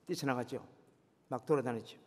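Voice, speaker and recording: A man's voice: mid-range voice, brisk. A man preaching a sermon, earnestly exhorting his congregation and firing rhetorical questions at them. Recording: long reverberant hall.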